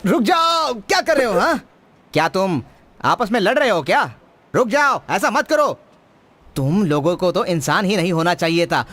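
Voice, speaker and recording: A man's voice: sits high, fairly bright tone. A man dubbing a young male student in a drama, who scolds and grumbles in an exasperated way. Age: young adult. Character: young male student, restless, wants freedom. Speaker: dub actor. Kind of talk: dubbed drama acting.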